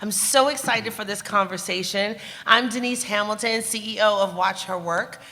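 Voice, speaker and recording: An enthusiastic woman from Jamaica moderates a live panel with lively questions. Her voice is bright, and a long reverb from the event hall trails behind it. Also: mid-range voice, normal speed.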